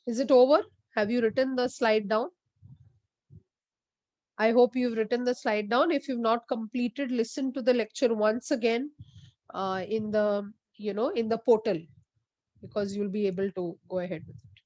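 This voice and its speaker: A woman teaching a physics lesson online, talking very slowly and deliberately in a fairly high voice. She quizzes her students by name and switches freely between English and Hindi. Her voice is close and dry, with no room sound. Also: steady tone, a little mellow, no echo, muffled recording. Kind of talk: online class lecture. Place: online classroom.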